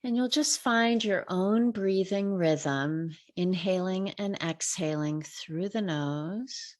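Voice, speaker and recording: A middle-aged woman leading a guided meditation, giving slow, gentle breathing and relaxation instructions. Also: fairly low pitch.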